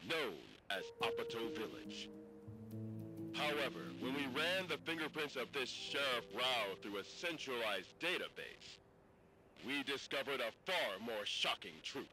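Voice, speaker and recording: An actor playing a formal radio news announcer, reading bulletins in a measured, dramatic way. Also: male voice, mid-range voice, lightly acted, poor audio. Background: music.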